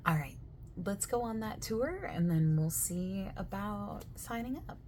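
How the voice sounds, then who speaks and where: In an unhurried, expressive mid-range voice, a young woman takes on the role of a gym employee for a soft-spoken ASMR piece. She's talkative and over-explains, sprinkling in lots of fillers, over slight background noise.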